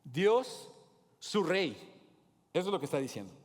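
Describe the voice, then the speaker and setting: A man's voice: a little high, very animated, brisk. A man preaching a sermon as pastor, with rising emphasis and calls to the congregation. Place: church hall. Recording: long hall reverb.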